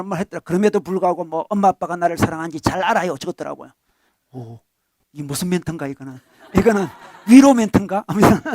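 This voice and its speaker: A man's voice: high-pitched, darkish tone, no echo, clean studio sound. A male pastor giving a sermon in a conversational tone, asking the congregation rhetorical questions and chuckling between points.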